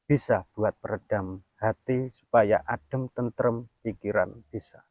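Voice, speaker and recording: This is a man who talks very slowly and in a low voice. He answers as a spiritual guest, giving calm, plain explanations in short phrases. The sound is dry and close. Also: no room sound, phone-quality sound.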